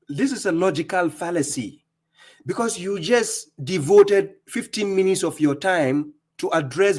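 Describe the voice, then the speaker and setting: Animated Ghanaian man, mocking reaction host. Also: sits high. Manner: laughs often, mocking and animated, repeats himself. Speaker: live-stream host reacting to clips.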